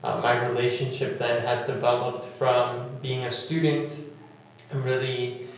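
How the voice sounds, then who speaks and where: Young guy from central america, slow and flat, lots of uhs, very echoey room w faint hum. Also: medium pitch. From Nicaragua and Honduras. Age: young adult. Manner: earnest, many uh fillers. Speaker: university staff member and alumnus. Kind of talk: oral history interview.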